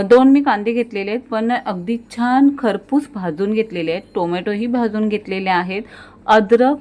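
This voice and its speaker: A woman's voice: mid-range voice, darkish tone. A middle-aged woman, narrating a home cooking demonstration in a homely, chatty way that talks straight to viewers. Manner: homely, chatty, addresses viewers directly with frequent "ना". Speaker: home cooking channel host. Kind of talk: casual cooking demonstration voice-over.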